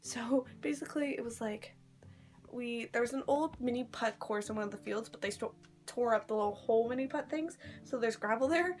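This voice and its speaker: Female vlogger, higher register, informal and slangy rambling delivery, recorded on a handheld phone with music underneath. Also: brisk, a little mellow. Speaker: vlogger recounting a live-action role-play event. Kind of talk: casual chat. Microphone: phone at arm's length.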